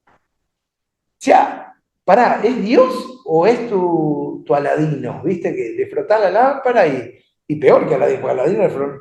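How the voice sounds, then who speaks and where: A man with a Rioplatense Spanish accent preaching a sermon in a conversational, animated way, often asking the congregation questions. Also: a little high. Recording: echoey room.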